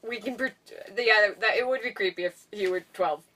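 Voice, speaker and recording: A woman's voice: mid-range voice, moderate pace, sharp tone, recorded from a distance. A woman casually reviewing a movie in a chatty, giggly way, full of fillers. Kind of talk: casual chat.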